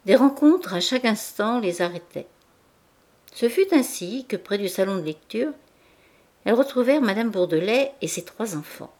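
A woman narrating a classic novel as an audiobook in a measured, even literary reading. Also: medium pitch. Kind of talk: scripted narration.

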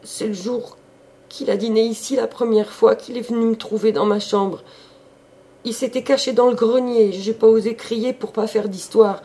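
A reader voicing a young serving woman who stammers out a tearful confession, in an audiobook of a classic novel. The figure speaks in halting, broken phrases. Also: medium pitch, fairly even intonation, mellow, voice pushed up, lightly acted. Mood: sobbing confession.

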